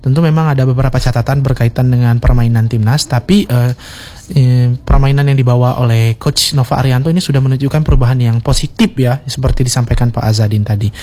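A man hosting a call-in radio program, taking listeners' calls with a polite, steady manner. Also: mid-range voice, quick pace. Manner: polite, steady, frequent "oke, baik". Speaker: radio host.

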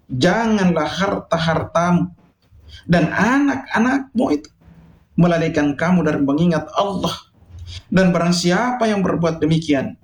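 Solemn and exhorting, a higher-voiced man preaches a sermon to his listeners, delivering it deliberately with emphatic phrasing. The recording sounds echoey and reverberant.

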